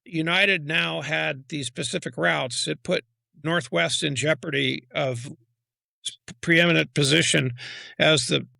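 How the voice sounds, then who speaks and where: A man's voice: on the high side, fairly even intonation, unhurried, vocal fry, pushed and bright, no echo. Man in his sixties, glitchy dropout audio. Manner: rambling storyteller with many fillers. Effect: glitchy audio that keeps cutting out. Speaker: guest, retiring airline pilot. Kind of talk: podcast interview over a video call. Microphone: wireless earbuds on a video call.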